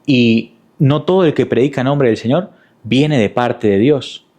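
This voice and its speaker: A man preaches a didactic sermon, posing rhetorical questions and repeating his key points. His voice is medium-pitched and dark in tone, and he speaks a little slowly.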